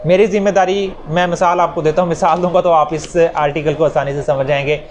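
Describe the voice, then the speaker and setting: In a recording with noticeable background noise, a man with a Pakistani accent lectures students on law, rewording his points and illustrating them with worked examples. His voice is a little high and steady, and he talks fairly quickly.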